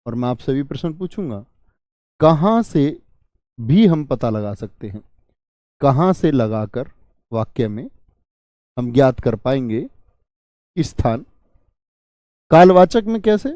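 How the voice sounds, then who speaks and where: A man's voice: mid-range voice, very animated, slow pace, long pauses, mellow, no room sound, clean studio sound. A man teaching an online grammar class. He keeps asking his students questions and then answers them himself. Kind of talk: online exam-prep grammar lesson.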